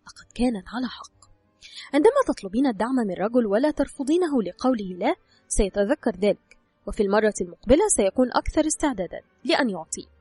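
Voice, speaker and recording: In a scripted advice-book reading, a female narrator instructs the listener directly. Her voice sounds breathy and a touch high, rising and falling with great liveliness as she talks at a quick clip over faint music, with no echo.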